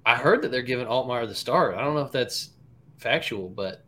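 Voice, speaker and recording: Mid-pitched man talking football, some background noise. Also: expressive, a little fast, sharp tone. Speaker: sports podcast panelist. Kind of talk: casual football analysis.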